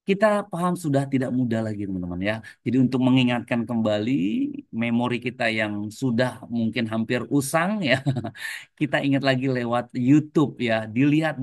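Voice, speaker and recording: In a dry recording, a man with a lowish voice teaches English online to adult learners. He mixes English and Indonesian, tags almost every phrase with a casual "ya", and keeps calling the class friends.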